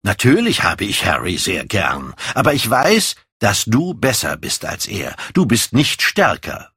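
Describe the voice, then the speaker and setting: A man's voice: lowish voice, huge pitch swings, unhurried, pushed and bright, breathy edge, dry recording, clean studio sound, full character voice. A man reading an audiobook, voicing a proud, secretive and volatile young man in a raised voice. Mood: pleading.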